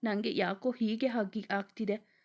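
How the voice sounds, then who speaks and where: A woman voicing a gentle, heartbroken young man in love, reading his lines softly and tearfully in a storybook reading. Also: medium pitch, fairly even intonation, measured pace, vocal fry. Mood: crying. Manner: soft, pleading, tearful lines.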